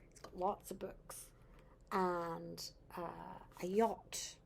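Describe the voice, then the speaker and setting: A sweet older woman, a grandmother, reading a picture book to a small child in a gentle, grandmotherly way and pointing things out. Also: lowish voice, fairly even intonation, takes it slowly, creaky, slight background noise.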